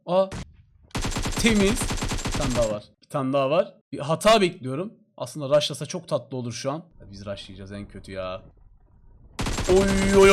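Hoarse young-sounding guy streaming a shooter, gunfire under his voice, fairly high-pitched, jumps from calm play-by-play to yelps. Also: slight background noise. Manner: excitable, bursts of yelps and repeated calls. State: hoarse from shouting. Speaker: mobile shooter game streamer. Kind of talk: casual live gameplay commentary.

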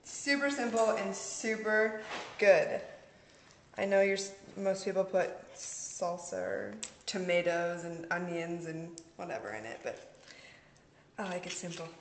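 A woman's voice: lowish voice, a little slow. Bubbly woman in her thirties, casual cooking host, giggly, echoey kitchen, faint hiss. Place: large home kitchen, indoors. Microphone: camera mic across the room.

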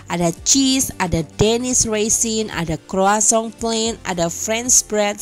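In a mid-range, slightly mellow voice, an Indonesian-accented woman narrates her food vlog from a script, cheerfully running through lists of dishes and what they cost.

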